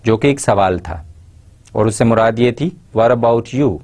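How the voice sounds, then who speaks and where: A man giving a recorded university lecture, explaining in Urdu and reading English example phrases slowly and carefully. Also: mid-range voice, a little mellow.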